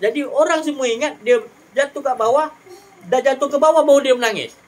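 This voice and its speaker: A religious teacher gives a sermon, animated and rising and falling in pitch for emphasis. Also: fairly quick.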